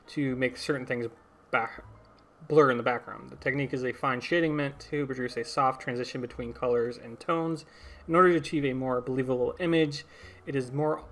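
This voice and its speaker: A young man hosts a solo podcast in a loose, rambling way. He stumbles over words, corrects himself and laughs at his own tangents. His voice sits at an ordinary middle pitch for a man. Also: a bit bright. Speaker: podcast host. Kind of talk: casual solo podcast talk.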